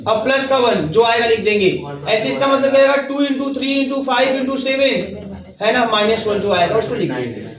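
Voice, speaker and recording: A man with a high voice teaches a math class. He walks through each step slowly and keeps asking if everyone is following. He sounds echoey and set back from the mic, and the recording is a little dull. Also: expressive. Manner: reassuring, repeats checks like "theek hai na". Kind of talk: classroom lecture. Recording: roomy, distant, dull recording.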